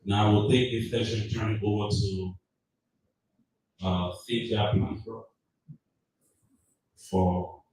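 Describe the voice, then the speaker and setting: A man with a fairly low voice hosts a formal meeting and works through a list of officials, pausing and hesitating as he goes. He sounds distant from the mic in a very echoey room, with faint noise underneath. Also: steady tone, darkish tone. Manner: measured, with frequent hesitations. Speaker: meeting host and government office head.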